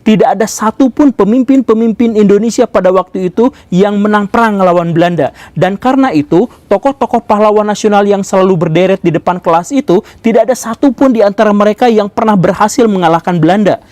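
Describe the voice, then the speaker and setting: A boastful, indignant Japanese man, put on by a male storyteller, lectures and scolds in a fairly high, dry voice. He piles up rhetorical questions and speaks with argumentative certainty. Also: fast, a little mellow, no echo, close to an everyday voice. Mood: lecturing.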